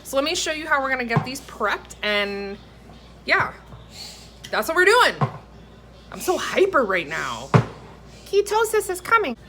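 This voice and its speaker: Her voice sits high and swings widely in pitch as this thirty-something woman explains a recipe at an unhurried pace, pausing often. She's a cooking vlogger chatting casually in her own kitchen, with music playing and faint kitchen noise behind her.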